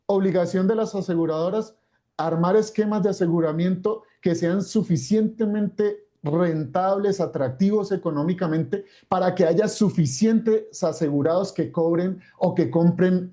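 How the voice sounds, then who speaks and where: High-pitched, mellow-voiced man explaining didactically. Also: measured pace. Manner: didactic, repeats phrases for emphasis. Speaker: expert speaker. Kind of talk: explanatory lecture, unscripted.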